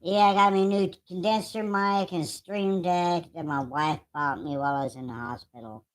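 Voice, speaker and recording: A man talking through a voice changer that shifts his voice up to a higher, womanlike pitch while he chats with viewers on a livestream. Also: steady tone, moderate pace. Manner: chatty, greeting viewers. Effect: voice changer raising the voice to a higher, womanlike pitch. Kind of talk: casual livestream chat.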